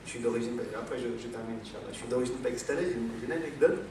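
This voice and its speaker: This medium-pitched speaker, a man born in France, talks very fast over a noisy background while delivering a wandering religious lecture packed with fillers and repetitions. He's heard at a distance in a big, reverberant hall with faint ambient sound.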